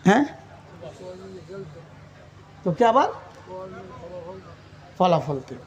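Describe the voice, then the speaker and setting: A man's voice: high-pitched, big pitch swings, extremely slow, echoey room. A man preaching a fiery sermon, chanting Arabic verses and calling out questions to the crowd. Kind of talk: Bengali waz sermon.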